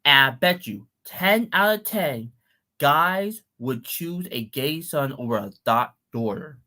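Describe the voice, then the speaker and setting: A man's voice: fairly high pitch, animated, slow, sharp tone. A man on a live-stream panel, ranting in a blunt, crude and scolding way, with mocking asides.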